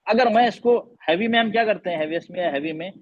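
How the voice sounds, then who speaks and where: A man with a husky, fairly high voice leads an online recitation lesson, repeating letter sounds as demonstrations and quizzing his students. The sound is dry and close, with no room around it. It comes through the dull, lo-fi audio of a video call. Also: no room sound. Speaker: Quran recitation teacher. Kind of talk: online class teaching.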